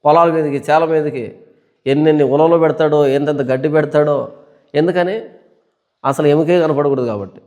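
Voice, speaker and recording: A man pastor giving a Bible study sermon, reading scripture verses slowly and formally, then explaining them with rhetorical questions and repeated lists. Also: a little high, fairly even intonation, darkish tone, highs cut off. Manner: preaching with rhetorical questions and repetition; reads scripture verses in a slow formal cadence.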